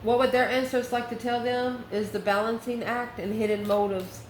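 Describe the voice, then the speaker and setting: Her voice is fairly high and her intonation fairly even, moving at a moderate pace. She's a tarot card reader doing a relaxed, spontaneous reading, talking to the viewer conversationally and exclaiming often, in an echoey room with light background noise.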